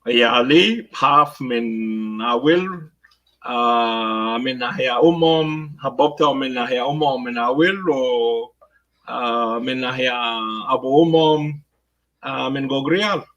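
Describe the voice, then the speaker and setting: A man with a South Sudanese Arabic accent giving political commentary, slipping between Arabic and English and pausing on many fillers. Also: medium pitch, fairly bright tone, muffled recording. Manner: mixes Arabic with English phrases.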